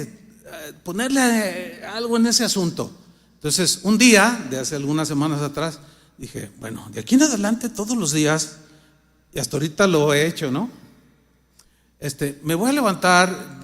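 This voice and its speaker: A middle-aged man with a Mexican accent preaches in a conversational, humorous way, voicing his own thoughts as he tells a story. His voice sits high, and it carries a long reverb of a large church hall. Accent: Mexican Spanish. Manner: reads scripture louder and slower. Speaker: pastor. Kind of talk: sermon.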